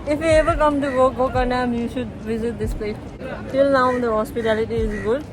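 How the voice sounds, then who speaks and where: A young vlogger from Sikkim, India, whose native language is Nepali, narrates a travel vlog outdoors and in a restaurant, easygoing and chatty with plenty of fillers. Her fairly high voice stays steady and brisk. The low-quality recording picks up crowd noise and background music.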